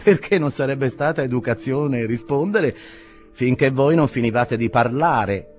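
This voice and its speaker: A man voicing a cheeky, quick-witted young man who cleans boots at an inn. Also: fairly high pitch, very animated, darkish tone, soft background music, pitched above the performer's own voice. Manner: cheeky, piqued.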